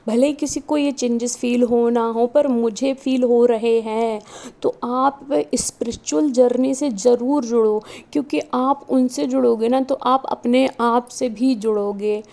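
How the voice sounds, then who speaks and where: A woman's voice: fairly high pitch, creaky, warm tone. A pregnant woman vlogger and housewife giving an earnest motivational talk, pleading with her viewers and repeating herself for emphasis.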